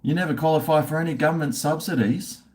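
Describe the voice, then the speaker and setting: A middle-aged man with a voice on the high side talks fast as he hosts a livestream, rambling casually while drinking beer. He's blokey, laid-back and sweary.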